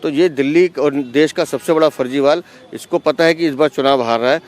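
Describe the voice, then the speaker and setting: A man's voice: a little high, a little fast, a little mellow. A man, a party leader, giving an accusatory, mocking sound bite to the press.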